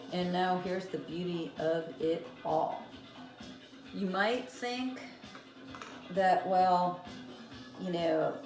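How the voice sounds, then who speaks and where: A woman vlogging about knitting in casual, rambling chat with many fillers. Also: lowish voice. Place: room with vinyl playing. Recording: echoey room, music behind. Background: eighties vinyl record playing.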